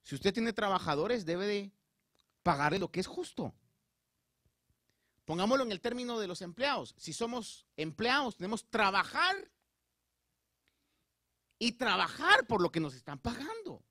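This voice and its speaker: A man preaches a Spanish sermon a little slowly in a high voice, leaving long pauses. The recording is clean studio sound with no echo. He talks straight to the congregation with frequent check-ins and an animated delivery marked by rising emphasis.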